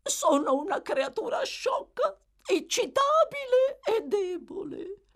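A woman's voice: very high-pitched, very animated, slow pace, voice pushed up, full character voice. A woman doing a tearful, fluttery matron. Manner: breathless, fluttery, self-pitying. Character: flustered, tearful widowed workhouse matron.

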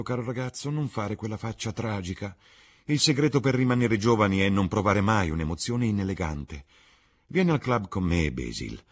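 A man's voice: fairly low pitch, breathy edge, pitched above the performer's own voice. A man voicing a cynical, witty aristocrat with an ironic, epigrammatic drawl in a storybook reading.

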